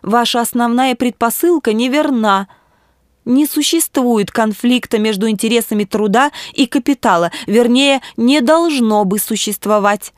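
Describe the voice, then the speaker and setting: A woman's voice: a little high, normal speed, dry recording, pitched above the performer's own voice, natural voice. A polite, ascetic male bishop, read by a woman narrator, voices his disagreement. The audiobook sound is close and dry. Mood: polite objection. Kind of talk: audiobook reading.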